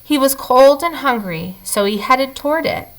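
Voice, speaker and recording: A storyteller reads a children's picture book aloud to young listeners, giving it expressive, dramatic emphasis. Her voice is high-pitched at a moderate pace, and the audio is poor.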